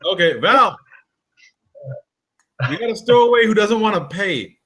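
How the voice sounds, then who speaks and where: A man with a high, bouncy voice plays at a tabletop role-playing game. He argues his points with animated energy. His tone is bright and sharp. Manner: animated, quick to argue in character. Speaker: player. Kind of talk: casual tabletop role-play.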